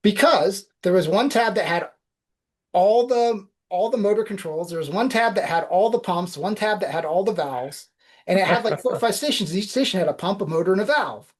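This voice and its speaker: A woman's voice: medium pitch, lively intonation, normal speed, breathy edge. A woman guest on a podcast, telling reflective anecdotes in a casual interview.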